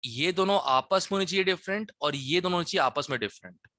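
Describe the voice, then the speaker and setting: A man's voice: a little high, lively intonation, fast, sharp tone, no room sound. A man teaching a chemistry class, explaining test questions and often checking that students follow. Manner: Hinglish teaching, frequent "ठीक है?" checks.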